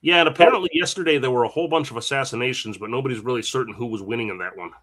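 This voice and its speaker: A man talks quickly in a bright, forceful voice as he tells a rambling story on a casual co-hosted stream. He is nursing a summer cold and has the hiccups. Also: mid-range voice. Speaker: co-host. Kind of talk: casual chat.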